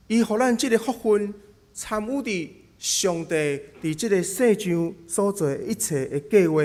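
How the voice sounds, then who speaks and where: A man's voice: sits high, a little mellow. A man with a Taiwanese Hokkien accent delivering a sermon in an explanatory way, posing rhetorical questions as he teaches. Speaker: preacher.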